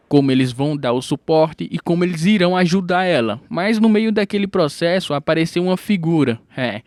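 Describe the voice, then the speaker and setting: Male recap narrator, voice sitting a bit high, relaxed and chatty, lots of quick asides to the audience. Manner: chatty, animated, with asides to the viewers. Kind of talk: casual storytelling recap.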